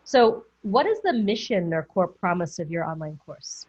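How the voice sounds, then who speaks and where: A very animated woman, her voice on the low side, darkish and breathy, talks at normal speed. As a business mentor on a group coaching video call, she gives chatty, encouraging feedback, frequently self-correcting while thinking aloud. The audio sounds dull and muffled.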